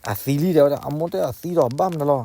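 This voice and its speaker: A man telling a folk story in an unhurried, conversational way. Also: on the high side, creaky, dark tone.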